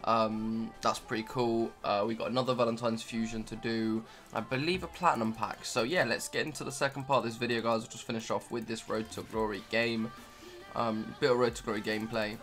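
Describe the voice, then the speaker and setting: A man's voice: medium pitch, steady tone, a little fast, a bit bright, soft background music. A young man giving casual, rambling commentary over his card-game footage, full of ums and offhand remarks. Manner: rambling, filler-heavy, offhand. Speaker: gaming YouTuber.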